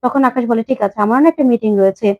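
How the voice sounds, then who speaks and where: A woman's voice: fairly high pitch, rapid-fire, narrow, tinny audio. A woman narrating a recap of a TV serial, voicing every character's lines herself.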